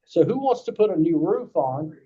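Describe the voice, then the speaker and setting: His voice sits a little high, swings widely in pitch, and comes across warm and slightly rough at a normal speed. This insurance agent from Kentucky, accent and all, walks a committee through things folksily, restating points and confirming they follow along. Audio quality is dull and lo-fi, typical of a meeting.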